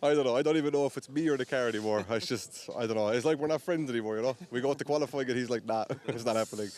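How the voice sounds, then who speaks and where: A man's voice: medium pitch, racing, a little mellow. A man, a drift driver, talking through a bad run in a trackside interview, frustrated and rambling. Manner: frustrated, rambling, nervous laughs.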